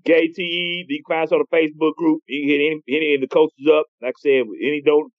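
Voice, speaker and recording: A man's voice: a little high, level tone, fast, dry recording. A man co-hosting a casual podcast, teasing his guest in a hyped, slangy way. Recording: dull dry sound.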